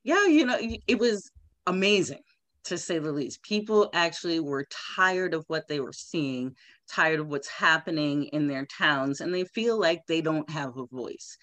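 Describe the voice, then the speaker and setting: A woman's voice: low-pitched, no echo. A woman political candidate speaking emphatically in an interview. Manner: animated, emphatic, quick bursts. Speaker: congressional candidate, guest. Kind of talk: conversational interview.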